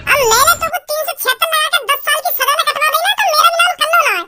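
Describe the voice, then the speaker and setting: Kallu, a squeaky pushy cartoon girl. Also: racing, pushed and bright, a little hiss or hum, full character voice. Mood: furious. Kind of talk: Hindi cartoon comedy voice acting.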